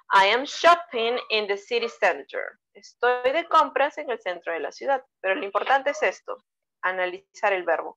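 In this poor-quality recording, a Peruvian woman teaches English online in a bilingual lesson. Her mid-range voice has a fairly bright tone and a Peruvian Spanish accent as she explains grammar step by step and praises her students.

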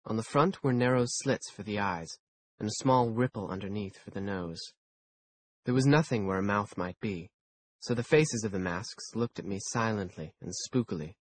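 A man reading a first-person audiobook aloud in a measured, dry storytelling manner. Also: lowish voice, slightly rough. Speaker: audiobook narrator.

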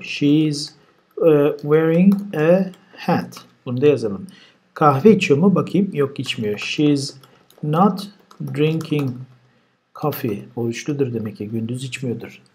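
A man teaching a recorded grammar lesson. He explains step by step, says example sentences slowly and deliberately, and adds dry asides. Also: fairly high pitch, dark tone, breathy edge. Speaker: language teacher. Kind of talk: recorded grammar lesson walking through exercises.

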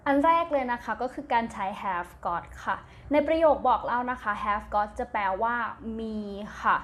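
A woman with a Thai accent teaching a primary English lesson, spelling words letter by letter, repeating each word twice, then giving its meaning. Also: a little high. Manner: gentle, patient, ends phrases with polite particles. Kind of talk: slow recorded classroom lesson.

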